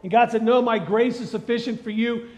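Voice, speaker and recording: A middle-aged man preaching a sermon on a church stage, animated and asking the congregation questions. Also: very high-pitched, fairly quick. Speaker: pastor. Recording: dull sound with long hall reverb.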